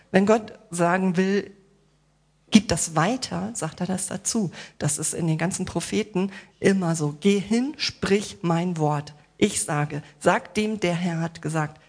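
A woman preaching a sermon, speaking straight to the congregation with rhetorical questions, playful asides and gentle reassurance. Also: fairly low pitch, measured pace, vocal fry.

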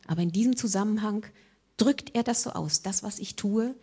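A woman preaching a sermon to her congregation, asking them rhetorical questions and dropping from emphatic lines into hushed whispers. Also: mid-range voice, normal speed, slightly rough.

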